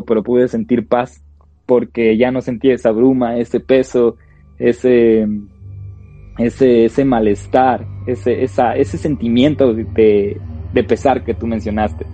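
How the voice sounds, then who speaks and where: A man tells a personal ghost story to podcast listeners, slowly and with suspense. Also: mid-range voice, steady tone, warm tone, dry recording. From Ecuador. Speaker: podcast co-host. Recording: dull lo-fi sound with faint music.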